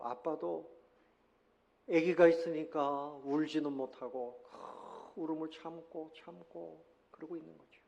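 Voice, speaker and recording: Korean pastor preaching, loud then hushed. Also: male voice, mid-range voice, highs cut off. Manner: swings from loud exhortation to hushed storytelling; leads congregation in call-and-response. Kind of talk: sermon.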